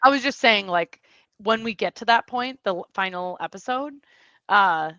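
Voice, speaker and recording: A woman's voice: medium pitch, normal speed, sharp tone, no echo. A young American woman co-hosting a podcast, chatting casually with rambling asides and frequent laughs. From United States. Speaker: podcast co-host. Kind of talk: casual chat. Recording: slightly dull lo-fi audio.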